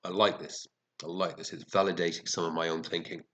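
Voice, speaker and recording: A man's voice: low voice, level tone, fairly quick, fairly bright tone, a little hiss or hum. A man with a stuffy head cold, chatting and muttering his way through casual, mildly sweary commentary as a show host. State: sniffly, congested with a head cold. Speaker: fantasy football show host. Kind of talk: casual rambling commentary reviewing team scores.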